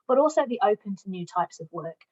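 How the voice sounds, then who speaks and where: Her mid-range voice is slightly rough and darkish in tone, a little fast and lively in intonation. A recruitment platform's customer success manager, she speaks English as a first language plus Welsh, and she warmly advises migrants in an encouraging talk on finding jobs, captured in a dull lo-fi recording.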